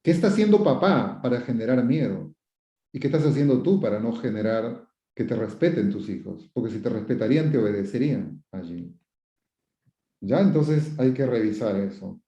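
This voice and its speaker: Answering questions from viewers, a male psychotherapist offers advice in a mid-range, expressive, dark-toned voice at a moderate pace. He leans on repetition and rhetorical questions, quotes those asking and acts out phrases they might use. The audio has a roomy, dull, lo-fi quality.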